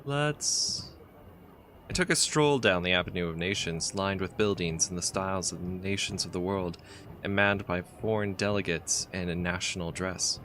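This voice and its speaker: A man's voice: low-pitched, normal speed, fairly bright tone, slight background noise. A man playing a text adventure game, chatting casually and reading the story aloud, often stumbling and restarting words. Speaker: game player.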